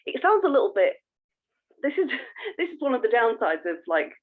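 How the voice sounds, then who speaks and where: A podcast co-host with a fairly high voice speaks at a normal speed in a very animated way. Her casual, informal explanations often start over, and the sound is narrow, like over a phone.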